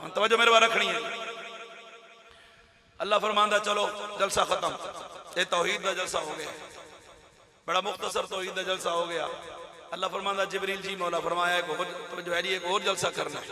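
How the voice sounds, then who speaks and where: A man's voice: high-pitched, fairly even intonation, moderate pace, long pauses, roomy sound, long reverb tail, a crowd in the background. A man with a Punjabi accent preaching a sermon, moving from impassioned chanted lines and recitation to conversational storytelling.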